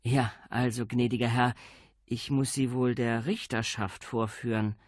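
A man's voice: medium pitch, flat delivery, dry recording, clean studio sound, natural voice. A man reading an audiobook, voicing a nervous young village constable who speaks hesitantly. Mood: timid. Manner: hesitant, slow, timid. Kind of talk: audiobook character voice.

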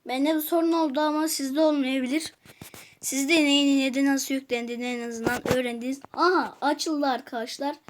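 A woman's voice: sits high, steady tone, normal speed. A woman giving casual gameplay commentary, chatting to viewers and muttering to herself as she plays. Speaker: gaming youtuber.

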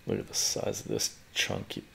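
A man's voice: normal speed, a little hiss or hum. An older man from Canada's West Coast chatting casually on a home live stream while peeling garlic, rambling and repeating phrases. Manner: relaxed, rambling, repeats phrases, laughs often. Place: living room at home, indoors.

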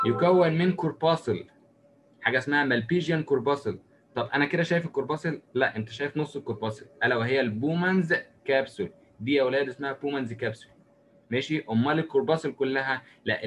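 A man with an Egyptian accent giving a recorded lecture, drawing as he goes and asking and answering his own questions in a lively, joking way. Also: mid-range voice, a little hiss or hum. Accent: Egyptian Arabic. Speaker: medicine lecturer.

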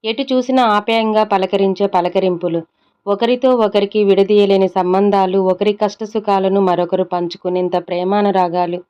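A kind-hearted young woman who loves the countryside, voiced by a woman narrator. She speaks earnestly, with a smooth, clean tone. The recording sounds dull and lo-fi. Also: medium pitch, fairly even intonation, moderate pace, natural voice. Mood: rapturous. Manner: earnest, poetic.

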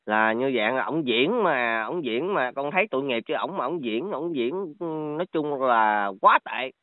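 A man, talking politely and haltingly in casual phone chat. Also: mid-range voice, expressive, no echo. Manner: polite, hesitant, many restarts. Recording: dry tinny phone line.

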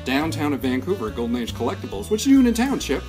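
A man hosts a playful interview, his questions deliberately mock-serious and teasing. His pitch jumps around with lively inflection. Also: music in the background, rough recording. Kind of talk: joking interview. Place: comic shop.

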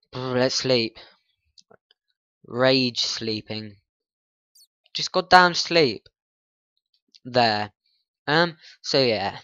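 A man's voice: mid-range voice, bright, forceful tone, clear, resonant tone, muffled recording. A man rambling through let's-play commentary, flustered, grumbling and poking fun at himself. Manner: flustered, grumbling, self-mocking. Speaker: gaming channel host.

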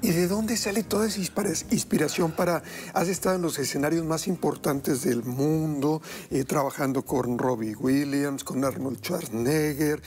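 A middle-aged man hosting a television cooking show, chatting effusively and flatteringly with his guest in a studio kitchen. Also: fairly high pitch, normal speed. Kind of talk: warm effusive studio chat. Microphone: lapel mic.

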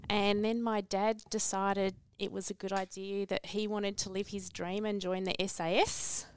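A woman's voice: medium pitch, level tone, normal speed, slight background noise. A woman, a radio guest sharing her story in a reflective way. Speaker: guest entrepreneur. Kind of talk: radio interview. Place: small radio studio. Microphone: headset mic.

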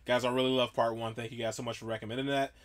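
A man hosting a reaction video, chatting casually to viewers with a low-key, laid-back delivery. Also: little pitch movement, rapid-fire. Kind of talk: casual chat to camera.

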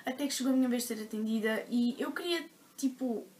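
A teenage vlogger with a European Portuguese accent tells a story to her viewers. Her voice sits a little high, and she talks in a chatty, dramatic rush, peppering her sentences with fillers. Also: quick pace, darkish tone. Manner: chatty, dramatic retelling with frequent "tipo" fillers. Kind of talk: casual storytelling to camera.

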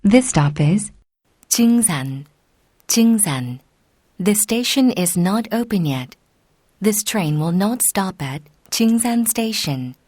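Woman giving an unhurried, formal subway stop announcement, mellow voice, dry close recording. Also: medium pitch, lively intonation, no echo. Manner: slow, deliberate, formal. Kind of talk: prerecorded train station announcement.

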